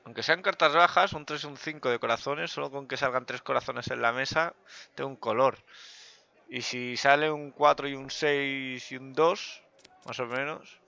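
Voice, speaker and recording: Man, poker gameplay commentary, self-mocking, gravelly voice, slightly muffled recording. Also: mid-range voice, normal speed. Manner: joking, self-mocking, bursts of loud excitement. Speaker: gaming youtuber.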